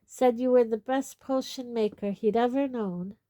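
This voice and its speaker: Woman reading as a bratty teen boy, snappy and loud, higher than her usual voice. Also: normal speed, dry recording, close to an everyday voice. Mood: fawning. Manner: angry, snappish. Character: sullen teenage boy, arrogant and defensive.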